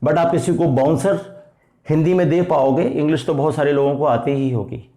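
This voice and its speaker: A man's voice: on the high side, normal speed, dark tone. A middle-aged man with an Indian English accent, teaching a grammar lesson in mixed Hindi and English, repeating his points and checking that listeners follow. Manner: switches between Hindi and English, repeats points, asks listeners if they understood. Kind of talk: classroom explanation mixing Hindi and English.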